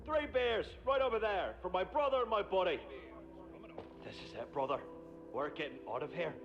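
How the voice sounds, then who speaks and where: An actor playing a domineering older brother who is bitter, desperate and forceful. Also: male voice, high-pitched, animated, normal speed, lo-fi sound. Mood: eager. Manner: forceful, demanding. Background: music.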